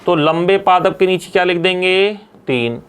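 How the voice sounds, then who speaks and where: Male science teacher, high ringing voice, call-and-response drilling style. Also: moderate pace, a bit bright, clear, resonant tone. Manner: asks students questions and answers them himself; repeats key terms for drilling. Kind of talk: classroom lecture.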